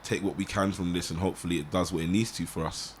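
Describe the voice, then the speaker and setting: A man's voice: deep voice, fast, a little hiss or hum. A young man, a film director, chatting casually and encouragingly with his cast after a shoot. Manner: relaxed, encouraging, joking. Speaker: film director and podcast host. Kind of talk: casual post-shoot chat.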